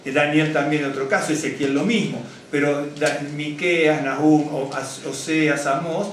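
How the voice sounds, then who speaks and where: Man rabbi giving a chatty sermon, bit high voice, tons of hall echo, mic kinda far. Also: moderate pace, a little hiss or hum. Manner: lively, digressive, asks "¿no es cierto?" often; addresses congregation directly, gets excited. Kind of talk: conversational sermon teaching. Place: synagogue hall. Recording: very echoey hall, mic at a distance, faint ambience.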